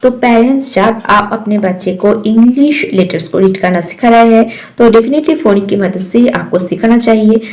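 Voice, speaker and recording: A woman with an Indian accent teaching a phonics lesson to parents, slowly sounding out each letter. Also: a little high, darkish tone. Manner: slow, drawn-out sounding of letters.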